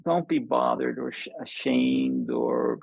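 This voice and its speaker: A man in his seventies from the United States explaining casually and deliberately, repeating words and restarting phrases. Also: mid-range voice, huge pitch swings, creaky, a little mellow, no room sound, lo-fi sound. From United States, born in New York. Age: 70s. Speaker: polyglot language mentor and guest.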